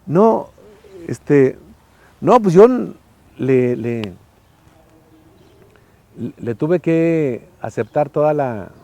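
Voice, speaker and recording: A man's voice: a little high, expressive, very slow, pauses often, dark tone. A Mexican man in his sixties with a Mexican accent, telling colloquial anecdotes in an interview with frequent tag questions. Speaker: interviewee, architect and former faculty director. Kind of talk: casual interview storytelling.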